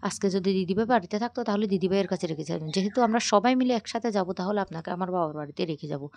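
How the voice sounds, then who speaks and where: A woman's voice: medium pitch, racing, creaky, a little mellow. A woman retelling a serial, voicing a young wife who scolds her mother-in-law firmly and insistently. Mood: angry insistent.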